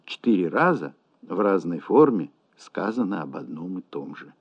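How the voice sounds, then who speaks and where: A man lecturing in a measured, deliberate way on correct language usage. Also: low voice, sing-song. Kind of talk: academic lecture on Russian usage. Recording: dull lo-fi recording.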